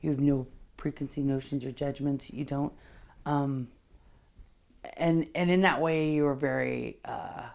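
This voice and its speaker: A woman working as a handwriting analyst, giving a casual, frank personality reading in a chatty, animated way and laughing often. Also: very deep voice, measured pace, creaky, long pauses. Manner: animated, acts out his inner voice.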